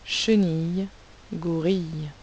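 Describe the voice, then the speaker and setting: A woman teacher giving a recorded spelling lesson for young pupils, slowly sounding out words and spelling them letter by letter. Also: on the low side, steady tone, darkish tone, dull audio, slight background noise. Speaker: primary school teacher.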